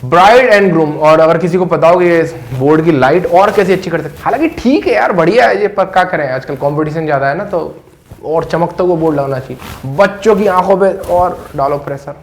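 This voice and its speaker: A man's voice: on the high side, fairly quick, a little hiss or hum. Hindi-accented man drilling English vocabulary. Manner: repetitive, drilling each word several times. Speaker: English teacher. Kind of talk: vocabulary lesson to camera. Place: classroom with a board.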